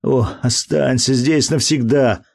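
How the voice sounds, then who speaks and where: A man reading an audiobook, voicing an earnest, emotional young man deeply in love in a fervent, slow delivery. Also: steady tone, gravelly, a little mellow, dry recording, studio quality.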